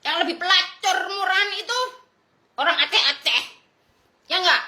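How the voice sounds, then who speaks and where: A woman's voice: very high voice, moderate pace, bright, forceful tone, echoey room. A woman from Indonesia in an angry livestream rant, brash and mocking, who swears freely and laughs scornfully.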